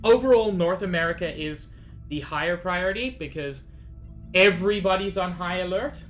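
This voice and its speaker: At a moderate pace and in an animated, lowish voice, a woman who's slightly sick comments casually on her game stream. She chats nervously with viewers, and faint game music can be heard in the background.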